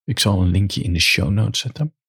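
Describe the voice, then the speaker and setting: A man softly reading his own short story aloud as a slow bedtime tale, close to the mic. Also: expressive, no echo. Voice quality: deep gravelly voice. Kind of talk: intimate storytelling narration.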